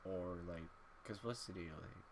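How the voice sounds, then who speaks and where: A man's voice: low voice, moderate pace, background noise. A man giving casual, wry gameplay commentary, sleepy and drowsy after just waking up. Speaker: gaming YouTuber.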